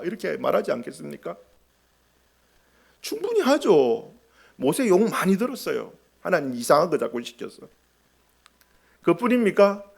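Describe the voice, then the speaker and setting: A man preaching as a pastor, emphatic, asking his congregation rhetorical questions and acting out short quoted lines. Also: gravelly. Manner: acts out short quoted lines with swings in pitch and loudness. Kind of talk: sermon.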